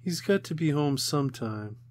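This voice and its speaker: A man's voice: a little high, lively intonation, normal speed, pitched above the performer's own voice, natural voice. A man voicing a determined, impatient young girl, raising his voice into an eager, exasperated tone for her lines. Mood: frustrated.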